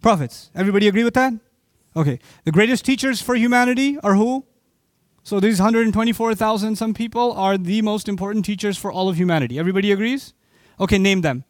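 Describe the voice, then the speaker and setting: A man with a high voice preaching a fervent sermon, turning to the listeners with pointed questions. The sound is dry and close, with no room echo. He is originally from Pakistan. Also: quick pace. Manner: impassioned, asks the audience rhetorical questions. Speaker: Islamic preacher. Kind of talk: sermon lecture to an audience.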